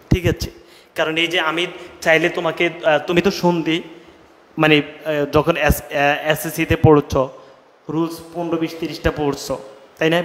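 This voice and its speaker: A young man teaching a live online grammar class, coaxing his students with quick questions in a brotherly way. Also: a little high. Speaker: online admission-test tutor. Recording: echoey room with long reverb.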